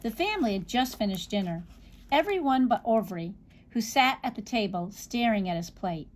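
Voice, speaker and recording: A woman reading a children's picture book aloud, expressive, with small slips and restarts. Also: fairly high pitch, normal speed. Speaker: storybook reader.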